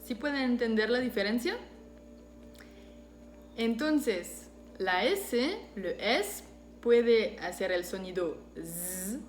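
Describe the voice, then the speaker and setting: Slow-speaking woman teaching pronunciation. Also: a little high. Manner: slow, careful, deliberately modelling French words. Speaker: French teacher. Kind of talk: explaining pronunciation to learners. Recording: echoey room.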